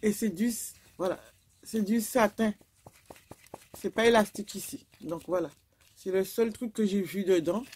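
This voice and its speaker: A woman's voice: medium pitch, unhurried, long pauses, darkish tone, a little hiss or hum. A woman, casually chatting through a clothing haul video and rambling with lots of fillers. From Guadeloupe. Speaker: vlogger.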